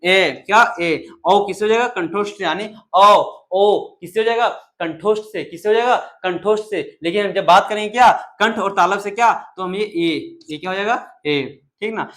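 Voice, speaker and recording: A man's voice: high voice, moderate pace, few pauses, fairly bright tone. A male teacher giving an exam-prep grammar lesson, repeating syllables in a drill and asking questions that he answers himself.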